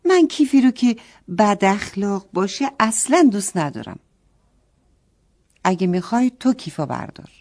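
A woman's voice: mid-range voice, animated, a little mellow, lightly acted. A stubborn, sulky little girl from a children's storybook, as a woman puts her on. She talks in a raised, petulant voice, whining and pushing back.

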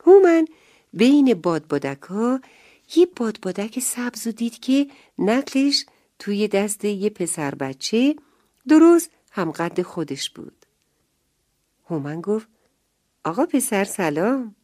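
Woman reading a children's bedtime story, gentle, expressive, mellow, dry close sound. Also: mid-range voice, no room sound. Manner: gentle, expressive, drops to whispers.

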